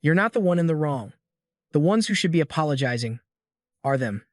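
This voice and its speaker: A man's voice: fairly high pitch, expressive, a little fast, no room sound, studio quality, lightly acted. A man reading as a defiant young student. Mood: determined. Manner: resolute, defiant. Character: determined young male student fighter.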